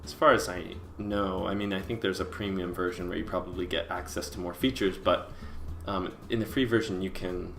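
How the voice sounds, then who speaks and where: A man giving a casual, rambling voice-over in a hesitant, self-deprecating way, with vocal fry at the ends of his phrases. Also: sits low, fairly even intonation, fairly quick, few pauses, a bit bright. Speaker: webcomic artist and video creator.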